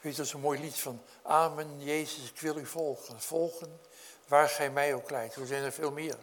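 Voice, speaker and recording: Earnest preacher, high voice. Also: male voice, fairly even intonation, normal speed, a bit bright, slight background noise. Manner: earnest, rises in pitch and volume when storytelling, drops low for reflection; addresses congregation directly with questions. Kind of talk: sermon.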